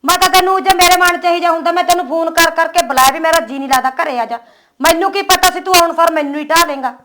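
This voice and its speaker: A woman playing a sharp-tongued, quarrelsome village wife in a homemade comedy drama. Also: very high voice, fast talker, a little hiss or hum. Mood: angry.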